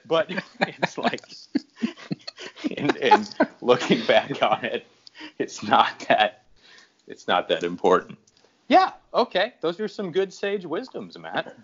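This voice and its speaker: A man's voice: mid-range voice, sing-song, a little slow, a bit bright, slightly rough. A man hosting a podcast in casual chat, joking and laughing as he talks. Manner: jokey and laughing. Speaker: podcast host. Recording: dull lo-fi sound.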